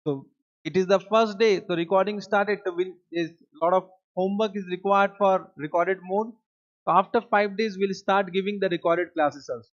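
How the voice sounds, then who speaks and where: A male teacher with an Indian English accent, whose native language is Hindi, delivers a classroom lecture in a high, fairly even voice at a moderate pace. He frequently checks in with students and repeats key points, heard on a dull lo-fi lecture recording.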